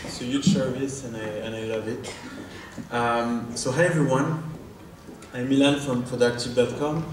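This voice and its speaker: A French-accented man from France, a startup founder, presents a live product demo on a conference stage in a mid-range, steady voice at a moderate pace. His delivery is hesitant, with many fillers and restarts. The large hall sounds echoey and distant, with a little noise.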